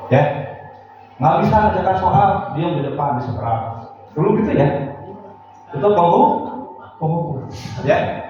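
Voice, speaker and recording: Man, high-pitched, quizzing a room of teachers; distant, dull, echoey hall recording with noise. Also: lively intonation, moderate pace, long pauses. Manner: quizzes the audience, acts out scolding teachers. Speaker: teacher trainer. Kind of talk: interactive workshop lecture.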